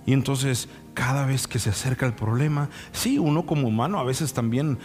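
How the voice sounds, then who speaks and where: A pastor preaching a sermon in an earnest, frank way, speaking plainly to the congregation and acting out prayers and conversations. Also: male voice, mid-range voice, moderate pace. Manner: frank, folksy asides to the congregation. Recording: echoey hall with soft music.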